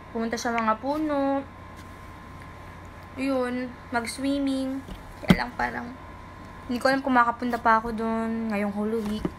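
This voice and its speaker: A young Filipina woman with a fairly high voice chats politely on a livestream, answering fans and reading their comments aloud. There is background noise behind her casual talk.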